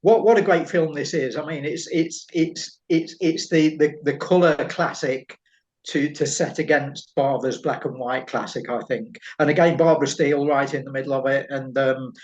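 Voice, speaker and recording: A man's voice: a little high, steady tone, moderate pace, muffled recording. A middle-aged man with an East Midlands Derbyshire accent, discussing films casually in a hesitant, thoughtful, enthusiastic way, often repeating words as he builds a point. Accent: East Midlands English, Derbyshire. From Derbyshire, England. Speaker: film writer, podcast panellist.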